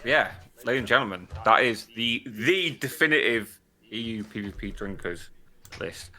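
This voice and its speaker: Male stream host, fairly low voice with a sharp edge, blunt and sweary, casual banter. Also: animated, moderate pace.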